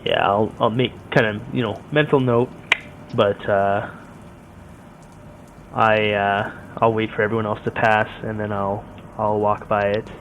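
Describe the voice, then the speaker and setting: A man's voice: lowish voice, little pitch movement, unhurried, background noise. A man playing a tabletop game, casually talking through what his character does, on a slightly dull voice channel. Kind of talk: casual chat, describing character's actions.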